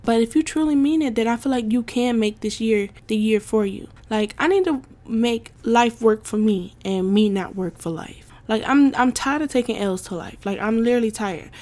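A woman's voice: on the high side, moderate pace, hardly any pauses, dark tone. A young adult woman hosting a casual solo podcast, talking emphatically with lots of repetition, "like" fillers and frequent laughter. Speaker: podcast host.

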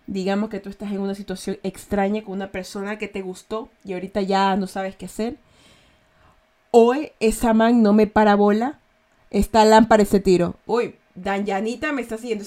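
A woman with an Ecuadorian accent hosting a casual slang lesson, chatty and checking in with her listeners often. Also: mid-range voice. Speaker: host teaching slang.

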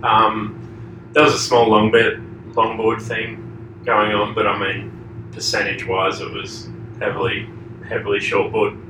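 A man's voice: fairly low pitch, completely flat delivery, measured pace, pauses often. An Australian surfboard shaper in his thirties, answering interview questions in a laid-back, rambling way. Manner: laid-back, trailing filler-heavy answers. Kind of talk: casual conversational interview. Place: echoey shaping room indoors. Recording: echoey distant room recording with faint noise.

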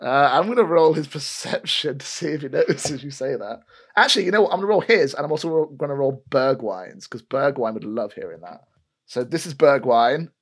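A man narrating and running a tabletop game as game master, in a relaxed, descriptive way. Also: mid-range voice, a little fast.

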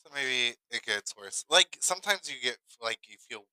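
Lively laid-back man chatting on a podcast. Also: medium pitch, normal speed, no echo, rough recording. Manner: relaxed, laughs often, lively intonation. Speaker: podcast co-host. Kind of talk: casual chat. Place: home podcast studio.

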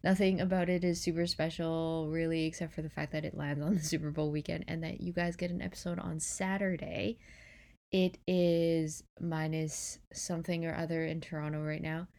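Woman host, low and gravelly, stuffy morning voice, rambling casual chat. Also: little pitch movement, normal speed, warm tone. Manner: chatty and rambling. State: stuffy, sore throat. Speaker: podcast host. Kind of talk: casual solo podcast chat. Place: in bed indoors.

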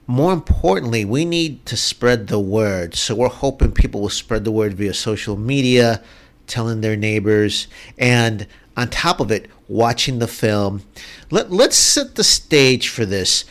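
A man hosts a radio show, introducing a guest and questioning him in an earnest, emphatic way for a radio interview. His medium-pitched voice is expressive and a bit bright, moving at a measured pace.

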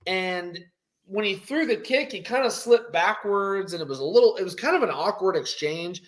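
A man co-hosting a casual post-fight show, talking in an animated, rambling way with many fillers. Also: high voice, moderate pace. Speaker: co-host.

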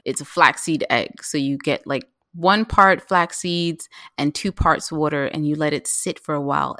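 A woman chatting as a guest about home cooking, lively and quick, with many fillers and restarts. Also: sits low, no echo, clean studio sound. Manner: animated, talks fast with restarts and fillers. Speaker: guest, vegan home cook. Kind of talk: casual interview chat.

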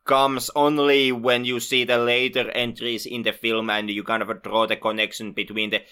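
A man co-hosting a film podcast, speaking in a measured, thoughtful way with dry humor. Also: medium pitch, level tone, bright, forceful tone, clear, resonant tone. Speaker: podcast co-host. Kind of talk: casual film podcast chat.

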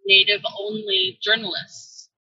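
Woman journalist on a bad call line: muffled, underwater-sounding, husky and far off, thoughtful, with halting restarts. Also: medium pitch, flat delivery, pushed and bright, no room sound. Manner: thoughtful, restarts phrases with fillers. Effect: muffled underwater-sounding remote call audio. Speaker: journalist guest on a podcast. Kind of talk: casual conversation over a remote call.

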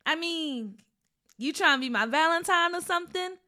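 A woman voicing an excited, slangy schoolboy who laughs and shouts in a storybook podcast. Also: very high voice, moderate pace, voice pushed up, full character voice.

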